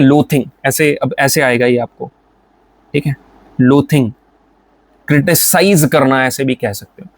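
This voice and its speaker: A man's voice: fairly high pitch, dry recording. A young Indian man teaching vocabulary in a casual, joking, brotherly way. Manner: chatty, joking, brotherly, with English example sentences. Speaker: English teacher. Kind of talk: casual Hindi vocabulary lesson.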